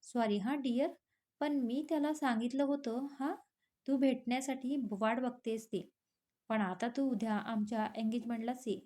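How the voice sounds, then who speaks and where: Scheming young woman, woman reader, smug, sweet, storybook, mellow. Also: a little high, steady tone, moderate pace, lightly acted.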